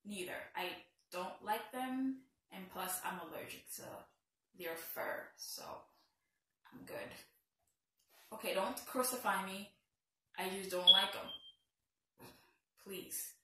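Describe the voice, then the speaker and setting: Speaking in a lowish, pushed, bright voice, a playful Haitian woman vlogs casually so viewers can get to know her, dropping teasing, self-mocking asides. The room is very echoey and she is a bit far from the microphone.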